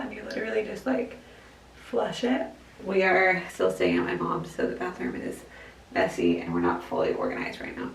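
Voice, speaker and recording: A woman's voice: medium pitch, creaky. A young woman vlogger with a congested nose, talking in a rambling, casual way full of fillers. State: congested nose after surgery. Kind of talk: casual vlog diary. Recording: distant mic with steady background noise.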